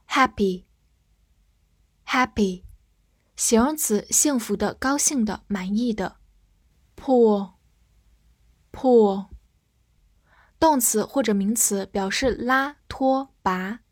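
A woman teaching a vocabulary review lesson, repeating each English word twice before giving its meanings in a slow, deliberate way. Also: a little high, darkish tone, no echo, clean studio sound.

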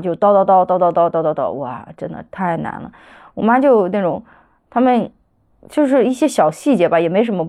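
A woman's voice: medium pitch, darkish tone. A woman in her thirties hosting a casual solo podcast, rambling and venting as she retells things. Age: 30s. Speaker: podcast host.

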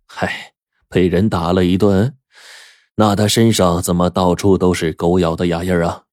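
A man voicing a calm middle-aged male doctor who explains things slowly and gravely. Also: no echo, clean studio sound, natural voice. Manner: low, measured, sighing.

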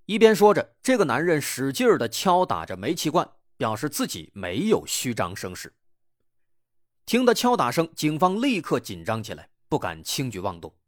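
A man hosting a true-crime podcast, telling a case in a dramatic, lively way. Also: mid-range voice, moderate pace, no echo, studio quality. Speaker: host.

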